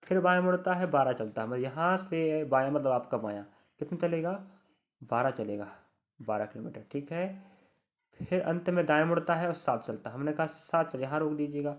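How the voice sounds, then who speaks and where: A man's voice: fairly high pitch, normal speed, lo-fi sound. A young adult man teaching a reasoning lesson for exam students, talking to them directly, repeating key words and reassuring them.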